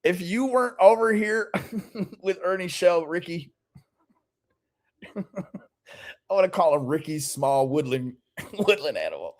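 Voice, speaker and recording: Laughing, teasing man with lively pitch. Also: unhurried, long pauses. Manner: laughs often, teasing and sarcastic. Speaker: streamer reacting to a call. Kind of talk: mocking commentary over a clip.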